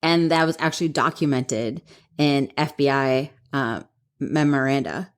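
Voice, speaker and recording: Low-voiced female co-host, giggly, rambling storyteller. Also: a little slow. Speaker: podcast co-host. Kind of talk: casual chat.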